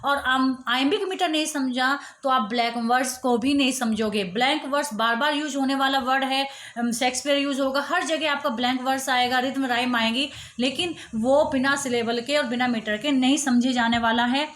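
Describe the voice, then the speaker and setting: High-voiced woman teaching literature. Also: steady tone, fairly bright tone. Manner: explains step by step, asks and answers her own questions; reads English lines slowly and word by word. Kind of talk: lecture on literary terms.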